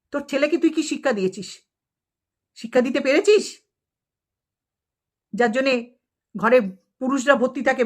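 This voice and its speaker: A woman vlogger delivering an angry, scolding rant at a rival, full of insults and rhetorical questions. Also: fairly high pitch.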